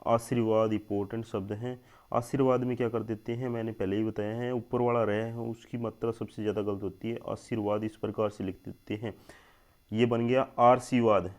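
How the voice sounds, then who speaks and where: A man's voice: on the low side, flat delivery, a little fast, darkish tone. A young man teaching a spelling lesson for an exam, going through words one by one, repeating each word and often checking in with his listeners. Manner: explains word by word, repeats each word several times, often says "thik hai doston". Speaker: Hindi grammar teacher.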